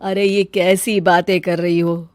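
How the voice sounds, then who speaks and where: A woman voicing a mild older father-in-law in a cartoon, gently reasoning and scolding. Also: on the low side, level tone, unhurried, no room sound, close to an everyday voice.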